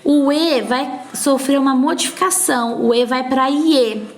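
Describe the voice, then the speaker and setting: A woman's voice: high voice, measured pace. A woman with a Brazilian Portuguese accent, teaching a recorded Spanish class and explaining patiently step by step, often checking that her students follow. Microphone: phone screen recording.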